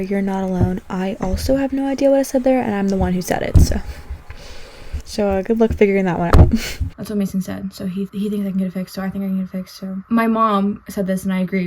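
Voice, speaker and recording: A woman's voice: mid-range voice, darkish tone. A young woman talks straight into her phone camera, and the sound is that of a phone video. She rambles and vents, circling back to the same points. She sounds upset throughout. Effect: recorded as a phone video. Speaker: vlogger. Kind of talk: casual vlog talk to camera.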